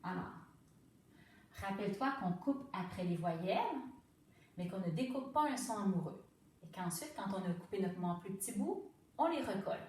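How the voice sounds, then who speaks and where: Patient teacher sounding words out slowly. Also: female voice, medium pitch, expressive, a little mellow, far from the mic, slight background noise. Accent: Quebec French. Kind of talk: reading lesson for young children. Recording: very echoey room, away from the mic.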